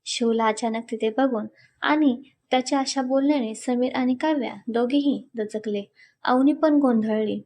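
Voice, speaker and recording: Higher-voiced woman narrating a romance. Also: normal speed, darkish tone. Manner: reads all parts herself, dialogue lightly voiced. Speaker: storyteller.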